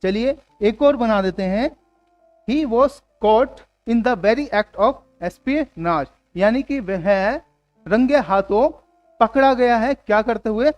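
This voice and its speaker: A man teaching English vocabulary in Hindi for exam prep. He reads English words and sentences slowly and keeps asking the class whether they understood. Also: extremely high pitch, no echo, dull audio, soft background music. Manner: asks the class rhetorical questions.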